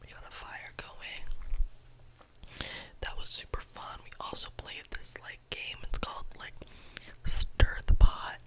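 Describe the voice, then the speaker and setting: A young adult speaking in a cupped-hand ASMR whisper, close and breathy, rambling casually and repeating phrases. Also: poor audio. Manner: repeats phrases slowly for effect. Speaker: ASMR creator.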